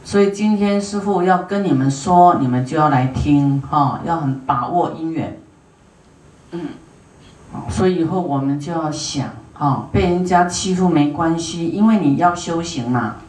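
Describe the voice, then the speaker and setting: A woman Buddhist teacher giving an unhurried dharma lecture to an audience, filling pauses with drawn-out "ah" sounds and putting questions to her listeners. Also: sits low, darkish tone. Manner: unhurried, with many drawn-out "ah" fillers; asks the audience questions and to raise hands. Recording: roomy hall sound, voice from a distance.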